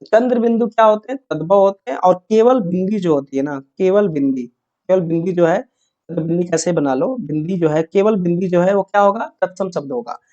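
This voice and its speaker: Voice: mid-range voice, normal speed, dark tone, muffled recording. A teacher giving an exam-prep grammar lesson, asking questions and answering them, checking in with short tags. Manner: repeats key points and checks with "है ना" and "yes or no".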